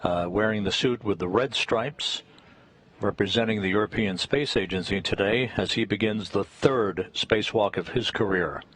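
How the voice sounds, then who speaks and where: Husky low-voiced male mission commentator. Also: normal speed, a bit bright, no room sound. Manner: formal, factual. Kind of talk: live explanatory commentary. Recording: narrow phone-like broadcast audio.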